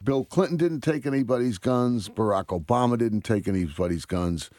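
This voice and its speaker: A man's voice: medium pitch, moderate pace, a little mellow, no echo, studio quality. Blunt male radio political analyst. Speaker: political analyst, regular panelist.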